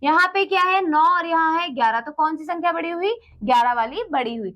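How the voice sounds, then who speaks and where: A woman's voice: extremely high pitch, expressive, brisk, dull audio. A woman teaching math to children, explaining step by step with patience, asking the class questions and then answering them, and mixing English words into her speech. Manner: mixes English words into Hindi.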